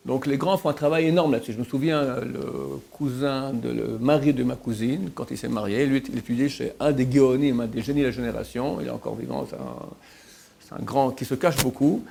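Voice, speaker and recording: Gravelly-voiced man telling stories in a sermon. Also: mid-range voice, a little fast. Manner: animated storyteller, acts out quotes, many restarts. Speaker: rabbi teaching a Torah class. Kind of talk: informal sermon with storytelling.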